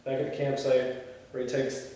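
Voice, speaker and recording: At a table read, a man reads screenplay stage directions aloud, adding informal asides. His mid-range voice is monotone and dark at a moderate pace, caught by a distant mic in a very echoey indoor room with faint noise.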